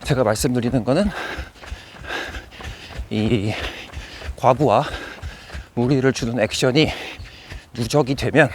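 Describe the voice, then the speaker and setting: A man's voice: mid-range voice, takes it slowly, pauses often, darkish tone, a little hiss or hum. A man talking to his running vlog as he runs, speaking in short, broken phrases. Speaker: running vlogger. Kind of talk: casual vlog monologue while running. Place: outdoors, on a run.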